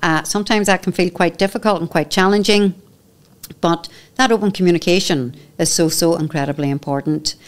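Northern Irish woman, 50s, slightly low-pitched, earnest and emphatic interview guest. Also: a little fast. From Northern Ireland. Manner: earnest, emphatic, repeats key phrases. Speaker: podcast guest, menopause educator. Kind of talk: candid conversational interview. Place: studio set with armchairs. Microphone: boom microphone on stand.

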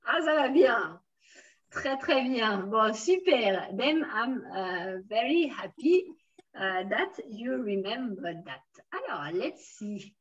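A woman's voice: a little high, big pitch swings, slow, husky, muffled recording. A woman with a French accent teaching a beginners' French lesson, patiently modelling phrases and encouraging her students.

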